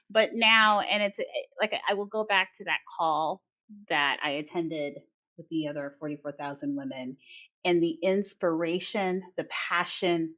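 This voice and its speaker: A woman co-hosting a podcast in casual chat, animated and quick to laugh. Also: on the low side. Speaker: podcast co-host.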